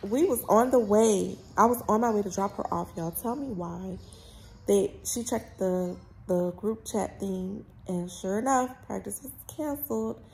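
On a low-quality recording, a woman vlogger has a casual chat to camera from her small bedroom at home, phone held close or propped at arm's length. Her gravelly morning voice is medium-pitched with a darkish tone and measured pace, and she's chatty, laughing, and addresses viewers as "y'all."

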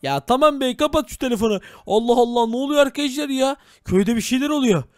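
High-voiced, fast-talking game host. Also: male voice, lively intonation, darkish tone, no echo, clean studio sound. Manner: dramatic, exclaiming to viewers. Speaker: game video host playing village head. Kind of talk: game role-play narration.

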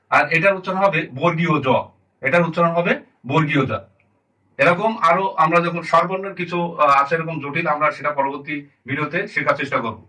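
A man gives a brisk lesson, his words quick and his voice somewhat high and bright. He repeats each term twice, earnest and clear. He sounds a little distant from the microphone. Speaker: teacher. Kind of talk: spoken language lesson.

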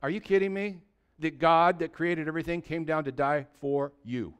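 A male pastor preaching a sermon with passion, rising to loud exhortation and dropping to hushed, tender lines. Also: a little high, steady tone, moderate pace, clean tone.

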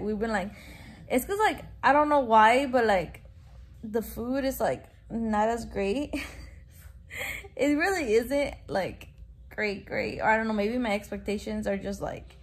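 A young woman vlogging on her phone, chatting casually, switching between English and Spanish, laughing often and filling her talk with "like". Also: fairly high pitch. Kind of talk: casual vlog talk to camera. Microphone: phone held at arm's length.

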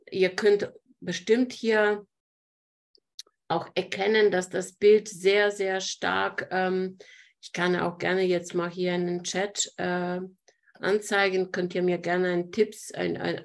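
A woman's voice: lowish voice, creaky. A woman hosting a live online art lesson, explaining picture composition while pointing things out to her viewers. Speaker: art teacher hosting a webinar.

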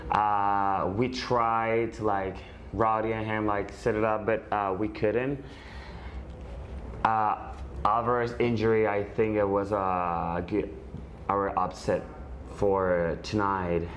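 Halting low-voiced man at a press conference. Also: flat delivery, a bit bright, slight background noise. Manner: halting, many fillers, searching for words. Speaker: volleyball player. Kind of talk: post-game press conference answers.

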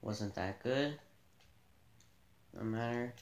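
A man giving a casual gameplay tutorial, relaxed and thinking aloud as he plays in a dim room, filmed by a camera pointed at the TV. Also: mid-range voice, slow, echoey room. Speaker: gaming channel host.

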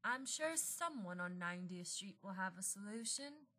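A woman's voice: mid-range voice, lively intonation, moderate pace, pushed and bright. A woman voicing a grand female soap-opera star who talks with a put-on fake English accent and theatrical airs. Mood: soothing.

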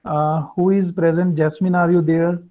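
High-pitched North Indian man teaching online. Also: level tone, moderate pace. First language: Hindi. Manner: explanatory, repeats and checks with students. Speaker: finance teacher. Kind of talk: online class lecture, switching between two languages. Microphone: computer mic on video call. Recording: dull, lo-fi video-call audio.

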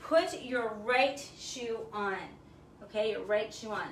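A woman's voice: fairly high pitch, slow pace. A woman working as an aerobics instructor, counting reps in rhythm and cueing moves with short, encouraging commands. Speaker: fitness instructor leading a workout. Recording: roomy, distant mic with faint noise.

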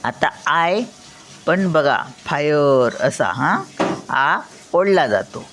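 Older grandmother teaching kids spelling; very unhurried, letter-by-letter delivery with check-ins. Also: low-pitched, animated, fairly bright tone, slight background noise. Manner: spells out each word slowly then says it, checking with "हं?". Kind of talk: slow spelling lesson, letter by letter.

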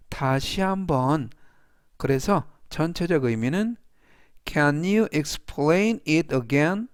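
A man teaching English vocabulary in a slow, deliberate lesson, repeating each word three times and explaining it carefully. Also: fairly high pitch, no room sound, clean studio sound. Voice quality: smooth, clear voice.

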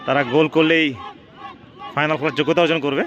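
A man calls a local football match live, talking quickly in a fairly high voice. He leans on repeated stock phrases with the odd English word. Crowd noise carries faintly behind him on the open ground. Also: fairly even intonation, highs cut off. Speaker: football commentator. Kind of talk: live penalty shootout commentary. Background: crowd and outdoor noise.

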